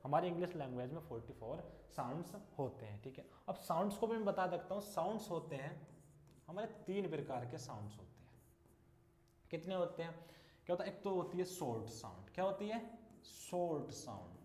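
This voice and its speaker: A man's voice: a little high, animated, fairly quick, darkish tone. A male teacher giving an English lesson, asking questions and repeating the answers. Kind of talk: classroom English lesson in Hindi. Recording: echoey room.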